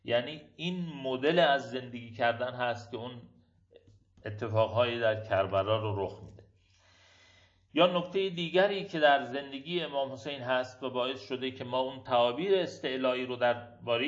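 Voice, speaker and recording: Male lecturer, rhetorical, repetition-driven delivery, dull lo-fi sound. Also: mid-range voice. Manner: rhetorical and emphatic, builds on repeated phrases. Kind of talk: reflective religious lecture. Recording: dull lo-fi recording.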